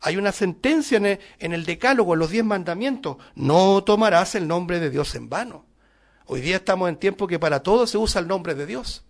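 A middle-aged man preaches a sermon in a notably high voice. He speaks emphatically and keeps putting rhetorical questions to his congregation. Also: lively intonation, fairly quick.

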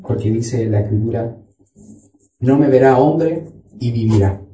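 A man preaches a Bible study, reading scripture aloud to his congregation. His voice is dark and mellow, and it comes from a distance in a roomy, echoing church hall. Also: medium pitch, a little slow. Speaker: pastor. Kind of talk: sermon. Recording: echoey room, voice from far off.

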